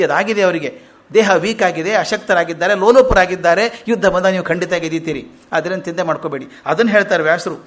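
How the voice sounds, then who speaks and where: A man giving an animated storytelling discourse on an epic in a lecture hall, emphatic and acting out quotes. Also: high-pitched. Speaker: public speaker.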